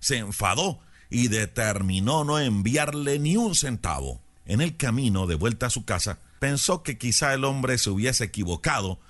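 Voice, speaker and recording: Lively-voiced male speaking teacher. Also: mid-range voice, normal speed. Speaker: public speaking lecturer. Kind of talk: storytelling lesson.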